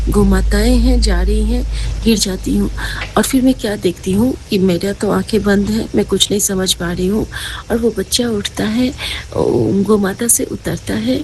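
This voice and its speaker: A woman giving a gentle, earnest devotional talk, often speaking straight to her listeners as she tells of a dream. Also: mid-range voice, slight background noise, poor audio. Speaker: satsang speaker.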